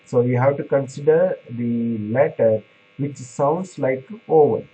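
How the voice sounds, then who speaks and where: A man's voice: medium pitch, unhurried, warm tone, rough recording. A man giving a classroom lecture on pharmacy, explaining step by step with many fillers and restarts, checking in with "right?".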